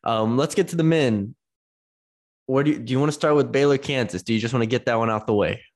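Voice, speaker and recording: A man's voice: mid-range voice, fast talker. A man co-hosting a casual sports podcast, talking enthusiastically with frequent fillers and restarts. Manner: enthusiastic, conversational, many fillers.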